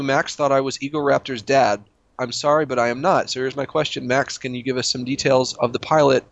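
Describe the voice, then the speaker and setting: A man's voice: medium pitch, no echo, muffled recording. A man hosting a casual comedy podcast, reading listener emails in a dry, offhand way with casual swearing.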